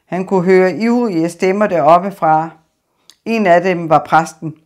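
A woman reading an audiobook in an even, measured narration. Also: on the low side. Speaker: audiobook reader. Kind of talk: scripted narration.

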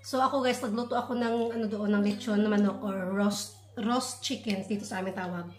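A woman's voice: mid-range voice, fairly even intonation, fairly quick, a little mellow. A woman vlogger from the Philippines with a Hiligaynon accent, chatting casually to viewers at home while looking after her son. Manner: chatty, addresses viewers as guys, mixes Filipino and English. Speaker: vlogger and mother. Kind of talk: casual family vlog. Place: home kitchen indoors. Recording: echoey room.

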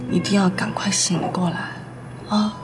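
A young actress playing a heartbroken lawyer who speaks quietly, with resignation. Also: female voice, mid-range voice, fairly even intonation, normal speed, in a whisper, natural voice. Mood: tender whisper. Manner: quiet, resigned, soft-spoken. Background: soft guitar music.

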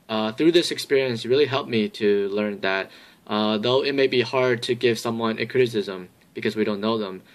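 A young man talking earnestly into a phone camera held at arm's length in a campus hallway. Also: on the low side. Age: young adult. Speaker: vlogger. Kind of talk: casual vlog narration. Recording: noisy phone recording.

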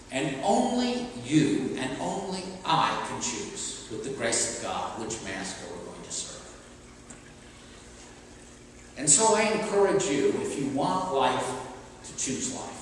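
An older man, a priest, delivers a homily from the pulpit of a large church in a conversational way, with fillers and restarts. His voice sits at medium pitch with big swings, and he speaks slowly. A stand mic at the pulpit is heard through a distant camera, so the audio is echoey with slight background noise.

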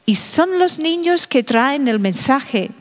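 A woman's voice: sits high, animated, takes it slowly. A middle-aged woman giving a public lecture, asking her audience many rhetorical questions. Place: lecture hall in Madrid. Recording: reverberant hall recording.

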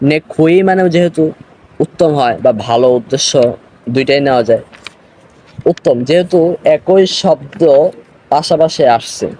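A man with a Bangladeshi Bengali accent teaching a grammar lesson, explaining slowly and repeating words. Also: a little high, dark tone.

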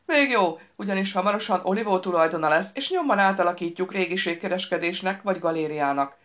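A woman's voice: lowish voice, a bit bright, highs cut off, natural voice. A woman reading an audiobook, voicing a rude, bossy woman who snaps orders and insults.

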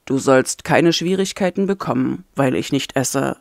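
A woman voicing a desperate young male prisoner, speaking in a low urgent murmur. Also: measured pace, creaky, darkish tone, no echo, clean studio sound, exaggerated voice. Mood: urgent, brooding.

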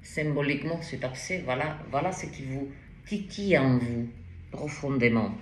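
A woman's voice: extremely low pitch, moderate pace, echoey room, a little hiss or hum. A woman giving a spoken tarot reading, hesitant and rambling, with frequent restarts and interjections. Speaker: tarot reader.

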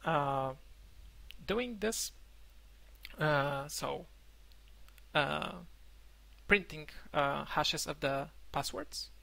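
A young man whose first language is Polish gives an online conference talk from a room at home, pausing often with fillers and restarts over a webcam microphone. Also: fairly high pitch, gravelly, bright, forceful tone. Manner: halting, many fillers and restarts. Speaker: conference speaker. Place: indoor room, remote talk.

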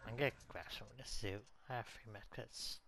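A man from Canada chatting casually with his teammate during an online game, making relaxed callouts and boastful jokes. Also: fairly low pitch, a little fast. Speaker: gamer and uploader. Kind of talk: casual gameplay chat with a teammate.

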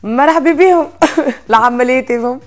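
A woman's voice: sits high, fairly quick. A woman in her thirties with a Tunisian accent, chatting as an interview guest and slipping in French phrases between laughs. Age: 30s. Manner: lively, mixes in French phrases, laughs often. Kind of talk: casual interview chat. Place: indoor studio set with armchairs.

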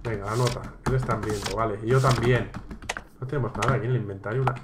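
A man's voice: on the low side, steady tone, fast. Echoey cursing Spanish man playing a game. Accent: Spain Spanish. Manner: reads game text aloud, curses at the game. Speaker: let's play gamer. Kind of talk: gameplay commentary. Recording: echoey room with game music.

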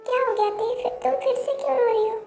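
A woman doing a pleading young father, pitched up. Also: fairly even intonation, fast talker, gravelly, warm tone. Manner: pleading, insistent. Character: pushy young man, devoted father chasing his partner. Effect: pitched-up voice changer. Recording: echoey with faint music.

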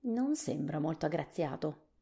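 A woman reading a storybook softly, voicing a thoughtful, worried male scarecrow king. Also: deep voice, lively intonation, normal speed, gravelly, breathy edge, exaggerated voice.

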